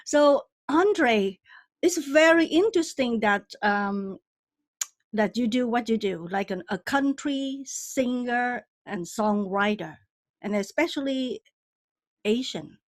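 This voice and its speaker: A woman's voice: a little high, animated, no echo. Enthusiastic woman podcast host, dry sound. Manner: enthusiastic, halting with restarts. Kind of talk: interview hosting.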